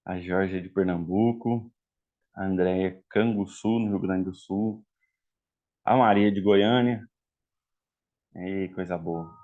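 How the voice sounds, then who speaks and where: Over narrow, tinny audio, a low-pitched man speaks slowly and pauses often. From Minas Gerais, Brazil, and with a mineiro accent, he teaches therapists in a chatty live online class, checking on the "galera" with lots of "tá?" and "né?"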